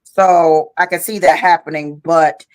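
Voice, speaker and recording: A woman's voice: deep voice, fairly even intonation, unhurried. Tired, frank woman co-hosting a podcast. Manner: frank, talkative, peppered with "you know". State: tired, yawning. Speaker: podcast co-host. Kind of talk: casual chat.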